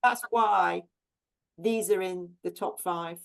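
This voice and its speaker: A professional gardener from England joins as a guest over a video call to talk about her plants. Her lowish voice has a steady tone, a slow pace, and vocal fry. Chatty and easygoing, she breaks off and restarts sentences around little ums.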